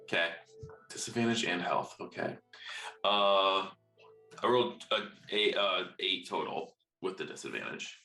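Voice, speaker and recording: Very deep, bright-voiced man playing tabletop. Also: measured pace. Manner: informal, thinking aloud. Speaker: tabletop role-playing player. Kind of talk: casual game chat, calling out moves. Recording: roomy echo, faint music behind.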